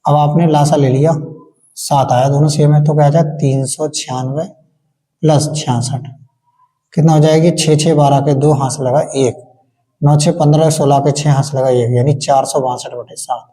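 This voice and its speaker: Mellow and a little high, this man's voice holds a steady tone at a moderate pace as he teaches maths. He walks through board-exam problems in steps, chants times tables, and answers the very questions he puts to the class. The room has a long hall reverb.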